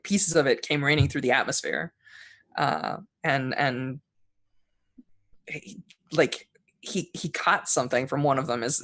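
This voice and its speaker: A man's voice: fairly high pitch, fairly bright tone. A man runs a tabletop role-playing game, describing the world in a loose, meandering way. He pads his sentences with fillers and restarts as he thinks aloud. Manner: rambling, many fillers and restarts. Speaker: game master.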